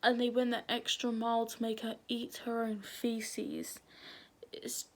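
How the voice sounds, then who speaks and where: A woman's voice: a little high, little pitch movement, a little slow. A woman telling a true crime story at home late at night, nervous and often dropping to a whisper. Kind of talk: casual true crime narration.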